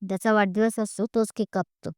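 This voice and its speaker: A woman's voice: medium pitch, little pitch movement, clean tone, no room sound, studio quality, natural voice. A woman voicing a caring young man who fires off worried questions and teases, in an audio story read by one narrator. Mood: cheerful. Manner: worried rapid questions, teasing. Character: caring young man, protective elder-brother type.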